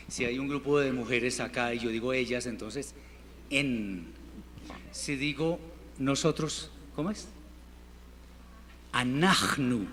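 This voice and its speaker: A man teaching a Hebrew class in Spanish, patiently repeating words slowly for his students. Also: medium pitch, fairly bright tone. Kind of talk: classroom language lesson. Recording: reverberant hall, faint room noise.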